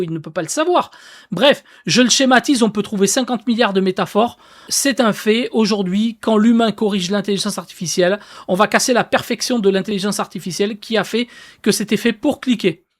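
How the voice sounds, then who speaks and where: A woman giving a casual explainer about AI, talking emphatically and directly to viewers with lots of fillers. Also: mid-range voice. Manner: emphatic, animated with fillers like "du coup" and "bah"; addresses viewers directly and informally. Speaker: AI content creator.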